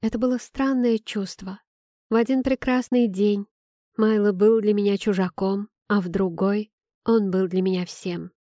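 An audiobook narrator, a woman with a mid-range voice, reads a first-person novel aloud calmly and with measured emotion. The recording is dry, with clean studio sound.

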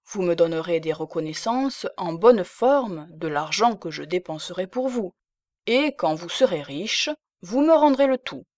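A woman's voice: lowish voice, animated, a little slow, darkish tone, dry recording, studio quality. A woman reading a firm, jealous old spinster. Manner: firm, bargaining, possessive. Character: poor proud spinster, older woman, jealous and domineering.

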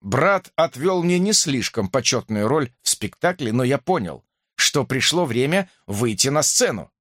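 A man narrating an audiobook in a wry, expressive storytelling manner. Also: mid-range voice, moderate pace, no room sound, studio quality.

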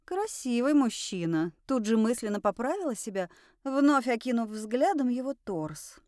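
A woman reading a first-person audiobook in a lively, wry, expressive way. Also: fairly high pitch, normal speed, no room sound, clean studio sound. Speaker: audiobook narrator.

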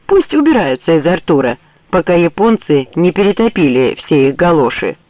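A man's voice: a little high, very animated, moderate pace, dry recording. A man voicing a general who eagerly backs the others, with scorn. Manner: eager, agreeing. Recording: tinny phone-like dry audio.

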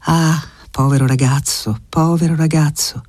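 Kindly awkward old guardian, dry jokes, mellow husky tone, man doing him. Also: fairly high pitch, steady tone, unhurried, dry recording. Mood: fussing. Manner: fussy, gallant, dry humour. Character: awkward kindly older male guardian, gentle.

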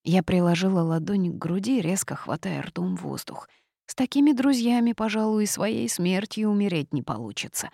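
A woman reading a first-person story as a young witch, in a lively, teasing telling. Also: medium pitch, moderate pace, no echo, clean studio sound, voice pushed up. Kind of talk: audiobook reading.

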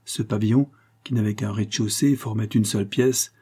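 A man narrating an audiobook with a measured, steady literary reading. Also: on the low side, slightly rough. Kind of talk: scripted narration.

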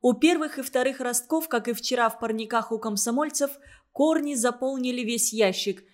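A woman narrating a children's story in an even, measured reading voice. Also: fairly high pitch.

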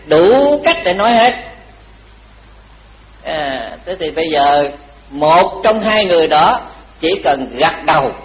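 High-voiced man telling a dharma story. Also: rough recording. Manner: animated, chatty storytelling to an audience. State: a little tired. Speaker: Buddhist monk giving a dharma talk. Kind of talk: storytelling sermon.

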